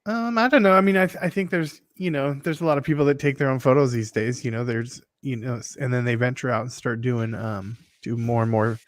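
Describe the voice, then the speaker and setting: A man's voice: mid-range voice, fairly even intonation, a little fast, few pauses, no room sound. A man chatting casually as a co-host in a matter-of-fact, plain-spoken way. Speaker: podcast co-host, working photographer. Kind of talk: casual chat.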